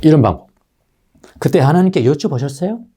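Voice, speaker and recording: Male pastor, Sunday sermon; mellow, warm voice that swings widely in pitch; talks straight to the pews. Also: fairly quick, breathy edge. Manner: animated preaching, addresses the congregation directly. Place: church sanctuary.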